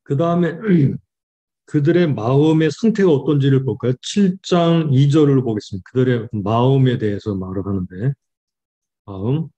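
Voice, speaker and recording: A man, a pastor, giving a Bible study lecture, reading verses slowly and explaining them with frequent fillers. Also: mid-range voice, animated, mellow, husky, lo-fi sound.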